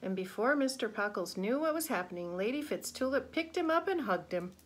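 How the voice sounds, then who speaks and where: A woman reading a children's picture book aloud, expressive and pausing to ask young listeners questions. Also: a little high. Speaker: read-aloud narrator.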